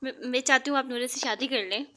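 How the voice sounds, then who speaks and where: A woman voicing a shy, innocent young wife who speaks softly and stammers, in an audiobook novel reading. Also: high-pitched, quick pace. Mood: shy, pleading. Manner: hesitant, stammering and soft.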